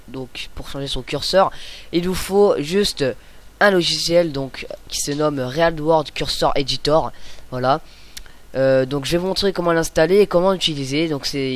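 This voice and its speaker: A young man hosting a casual screen-recorded software tutorial, chatty and hesitant, with many fillers and self-corrections. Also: on the high side. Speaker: tutorial host.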